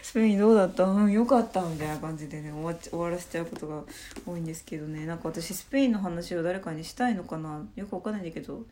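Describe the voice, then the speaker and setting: A woman's voice: low-pitched, steady tone, very fast, mellow, reverberant, a little hiss or hum. A woman hosting her own podcast from her room, chatting casually and rambling reflectively with lots of fillers, sleepy at the start. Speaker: podcast host. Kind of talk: casual solo podcast talk.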